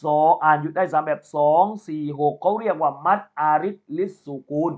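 A male teacher giving a tajweed lesson, spelling out letters syllable by syllable and reciting slowly in melody. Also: a little high. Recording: tinny phone-like sound.

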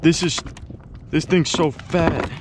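A young man filming himself fishing from a kayak outdoors on an action camera, talking in excited slangy bursts. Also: on the high side, takes it slowly. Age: young adult. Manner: hyped, slangy exclamations. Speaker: fishing vlogger. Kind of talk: excited casual chat on the water. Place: kayak on open water outdoors. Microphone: action camera on the boat. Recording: outdoor noise from wind and water.

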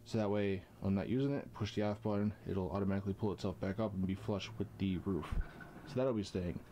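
Speaking quickly in a low, dark voice with fairly even intonation, a vlogger in his thirties shows viewers around an RV, inside and then up on the roof outdoors. The handheld camera mic picks up a little hiss or hum, and his talk is loose and rambling, full of fillers.

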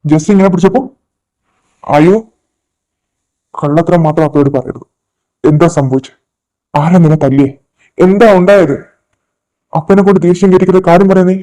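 A man's voice: on the high side, moderate pace, pauses often, natural voice. A man voicing an angry protective father. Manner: shouting, demanding answers. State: recovering from recent surgery. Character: older father, fiercely protective and hot-tempered. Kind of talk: Malayalam fan audio drama.

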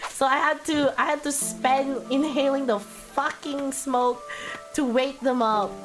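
A woman live streamer chatting casually over a game, giggly and excitable, swearing freely, with a voice hoarse from being sick. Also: high-pitched, unhurried, low-quality recording. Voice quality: hoarse, husky from illness. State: sick, coughing. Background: game music.

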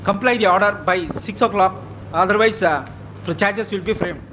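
A man's voice: high-pitched, normal speed. A middle-aged man with an Indian accent speaking as a judge in court, stern and insistent, questioning and giving orders. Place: large courtroom. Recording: muffled, noisy courtroom video stream.

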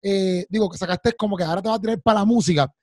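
A man's voice: sits high, very fast, a little mellow, dry recording. A man, hosting an interview in an eager, affirming way, repeating his words. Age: 30s. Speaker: host. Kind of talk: casual interview chat. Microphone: studio mic with headphones.

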